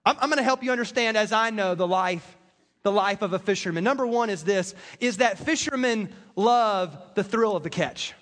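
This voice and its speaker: An American man preaching a conversational sermon in a folksy, self-deprecating, animated way, repeating phrases for emphasis. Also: high voice, normal speed. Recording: reverberant large hall with PA.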